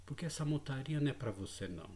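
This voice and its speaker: Man putting on a slow, courtly old spirit. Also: mid-range voice, lively intonation, darkish tone, pitched above the performer's own voice, close to an everyday voice. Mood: solemn. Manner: slow, formal old-fashioned speech. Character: old male spirit speaking through a horseman, courtly, archaic.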